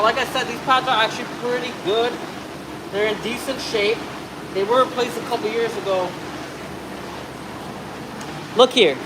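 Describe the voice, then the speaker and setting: A high-pitched man in his thirties is heard against background noise. The auto mechanic casually rambles through a brake job as a how-to while working in a shop with a truck on a hoist, swearing now and then.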